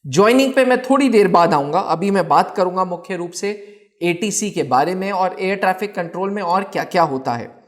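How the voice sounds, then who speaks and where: A male instructor on a defence exam channel presents an educational explainer to students, using emphatic, deliberate phrasing and repeating words for stress. His voice is high and expressive.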